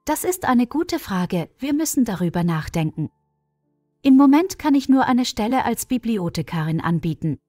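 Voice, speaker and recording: A woman's voice: a little high, very animated, normal speed, dark tone, no echo, clean studio sound, faint music behind, voice pushed up. Fiery, protective young friend, voiced by a woman reader. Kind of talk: storybook reading.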